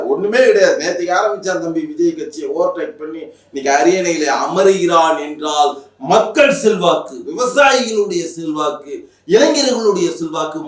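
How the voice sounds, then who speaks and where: A man's voice: on the high side, roomy sound, distant mic. A man giving a heated, mocking political rant, talking with angry emphasis. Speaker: political commentator.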